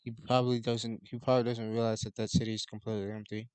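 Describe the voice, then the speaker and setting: A man commentating live on a strategy game, offering measured and cautious predictions. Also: on the low side, little pitch movement, a little mellow, smooth, no echo, poor audio. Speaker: esports commentator.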